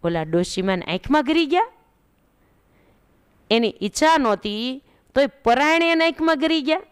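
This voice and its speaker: A woman's voice: high voice, moderate pace. Woman telling a devotional story. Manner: animated storytelling, acting out characters' cries. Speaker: religious storyteller.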